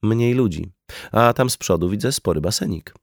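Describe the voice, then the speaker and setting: A man reading an audiobook, voicing a calm woman, a mother at the beach, in a raised voice. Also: moderate pace, vocal fry, no echo, clean studio sound. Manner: lifts pitch for a woman's lines. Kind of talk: audiobook character voice.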